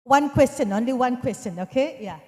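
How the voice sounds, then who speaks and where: An echoing hall carries a woman's high, soft-edged voice with an Indonesian accent. She moderates questions hesitantly, repeating her instructions. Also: animated, fairly quick. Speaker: session moderator. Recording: echoey hall with long reverb.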